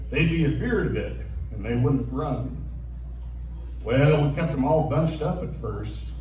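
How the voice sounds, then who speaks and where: A man's voice: on the high side, warm tone. A man with an American cowboy twang recites rhymed cowboy poetry in a folksy storytelling drawl with rustic grammar. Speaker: cowboy poet. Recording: echoey, distant mic, noisy room.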